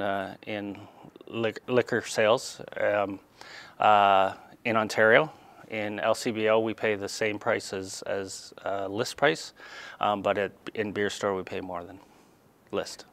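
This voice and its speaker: A middle-aged man speaks for his industry in a studio interview, his voice low-pitched. The sound is dry and close on a lapel mic, and he stumbles through fillers and repeated words as he explains. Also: little pitch movement, slow pace, a bit bright, no echo. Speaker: restaurant industry spokesman. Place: small TV studio.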